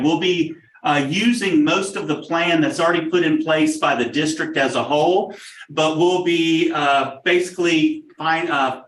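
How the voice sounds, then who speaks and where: A man's voice: mid-range voice, fairly bright tone. Man explaining technology plans from far off in a roomy hall. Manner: measured, explanatory, many "um" pauses. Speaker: district technology official. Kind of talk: answering questions at a public board meeting. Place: meeting room.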